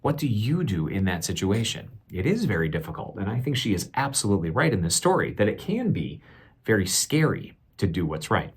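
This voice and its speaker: With a lowish, breathy-edged voice, a man reads a picture book aloud to kids in a teacherly way. He's expressive and deliberate, breaking off to ask them questions.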